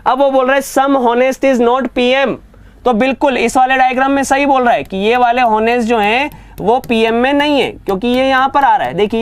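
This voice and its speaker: A man teaching an online reasoning class, often asking whether students have understood and reading statements out slowly. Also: very high-pitched, smooth, no room sound. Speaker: exam coaching teacher.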